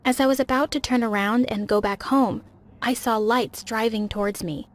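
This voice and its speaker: A young woman giving scripted first-person narration of an animated story, with a dramatic, emotional delivery. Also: fairly high pitch, normal speed.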